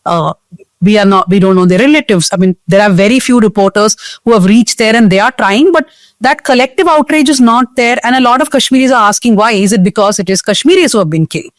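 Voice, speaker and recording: A woman's voice: medium pitch, expressive, fast talker, no echo. South Indian woman hosting, close dry sound. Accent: South Indian English. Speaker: host of a current affairs discussion show. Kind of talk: conversational news discussion and sign-off.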